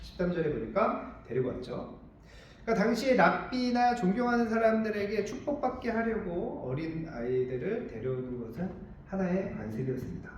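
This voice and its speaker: A man's voice: high-pitched, lively intonation, normal speed, a little hiss or hum. A middle-aged male pastor preaching a sermon, asking his listeners questions and then answering them himself. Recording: distant, echoey, muffled church room sound.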